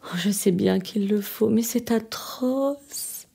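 A woman's voice: mid-range voice, slow, vocal fry, warm tone, breathy edge, exaggerated voice. An actress reading a theatre monologue as a desperate woman pleading on the phone with her departing lover, often sinking to a trembling whisper. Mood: tender, heartbroken.

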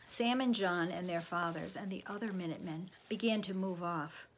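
A woman reading a children's book aloud, expressive, often dropping into a hushed whisper. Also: fairly low pitch, normal speed, a little hiss or hum. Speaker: storybook reader.

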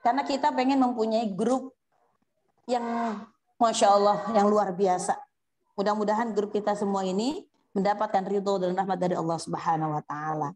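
A woman's voice: medium pitch, fairly even intonation, normal speed, a little mellow. A woman teaching a study circle for mothers, asking them questions and acting out heartfelt prayers. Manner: addresses listeners as Bunda, asks questions. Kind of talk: Islamic study circle talk. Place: women's study gathering.

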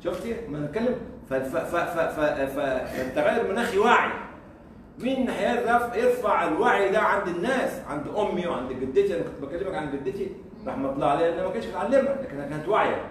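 A guest lecturer from Egypt, speaking with an Egyptian Arabic accent, delivers a casual university talk full of rhetorical questions, repetition and chuckles. His high-pitched voice moves at a quick pace with lively intonation. The recording has an echoey room sound, a far-off mic and faint noise.

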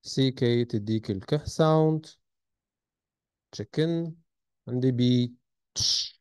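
A man with an Egyptian Arabic accent walks through a recorded textbook lesson, stretching out words and sounds so learners can follow. His voice is mellow and unhurried, and it is recorded dry and close with no room echo. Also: medium pitch, clear, resonant tone. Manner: slow, drawn-out teaching, spelling out sounds and words carefully. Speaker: English teacher.

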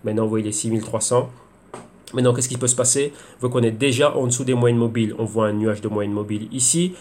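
Male chart analyst, rapid-fire delivery, monotone, lots of rhetorical questions. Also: medium pitch, slight background noise. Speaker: crypto trading analyst. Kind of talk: screen-share chart analysis.

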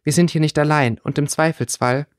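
A man reading an audiobook, voicing a bold, sharp-tongued schoolgirl who speaks quietly and hissingly. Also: on the high side, steady tone, a little fast, no room sound, clean studio sound, lightly acted.

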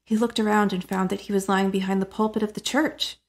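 Gravelly-voiced woman narrating horror. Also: medium pitch, little pitch movement, a little fast. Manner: dramatic, dropping to hushed whispers. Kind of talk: dramatic scripted horror narration.

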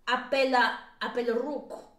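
A woman's voice: a little high, fairly even intonation, a little slow, fairly bright tone, echoey room. A woman hosting a casual game live stream, chatty and teasing, laughing often.

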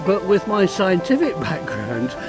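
A man's voice: high-pitched, wildly swooping pitch, a little slow. An older man with a slightly raised voice explains a chainsaw to a camera held close to his face, out in a leafy garden. He talks with eager enthusiasm and breaks into short chuckles mid-sentence, while faint music plays behind him. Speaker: science filmmaker and farmer reviewing a chainsaw. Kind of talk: casual explanatory video review. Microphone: handheld camera held close, wide-angle selfie framing.

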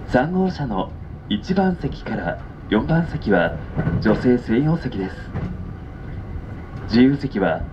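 A male train conductor with a Japanese accent gives formal onboard announcements in clipped, measured segments. His pace is unhurried, and he comes through a dull public-address speaker with loud train noise all around. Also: medium pitch. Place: inside a moving express train, over the speakers. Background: loud train running noise.

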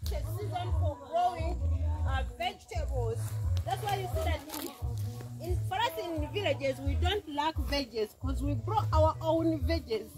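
A woman's voice: high-pitched, lively intonation, unhurried, over music. A Ugandan woman from the east of the country, chatting to viewers in a casual vlog while walking through hilly farmland, speaking into a phone camera. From eastern Uganda. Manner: chatty, addresses viewers as guys. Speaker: vlogger. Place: outdoors on hilly village farmland.

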